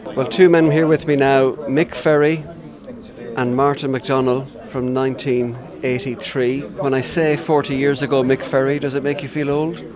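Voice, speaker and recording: A man's voice: medium pitch, flat delivery, moderate pace, a crowd in the background. A man with an Irish accent hosting a casual sports interview, putting questions to guests.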